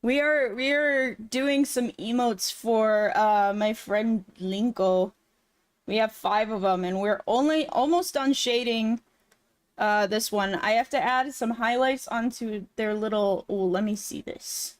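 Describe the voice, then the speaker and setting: A woman hosting a casual livestream, chatting in a cute, animated anime-streamer way with drawn-out words. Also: fairly high pitch, smooth, dry recording. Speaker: VTuber livestream host. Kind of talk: casual livestream chat while drawing.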